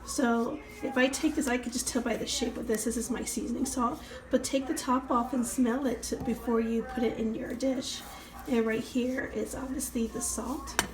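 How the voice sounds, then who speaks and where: A woman's voice: a little high, steady tone, normal speed, reverberant, a crowd in the background. A woman vlogger with a cold, casually explaining a cooking routine step by step as she handles things in her home kitchen. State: has a cold. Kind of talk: casual vlog demonstration. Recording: noisy home kitchen recording.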